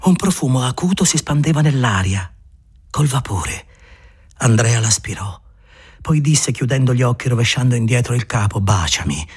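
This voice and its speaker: A man reading a literary novel aloud in a very husky, breathy voice. His pitch moves in a lively way, and the reading is dramatic and expressive. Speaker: narrator. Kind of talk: literary audiobook narration.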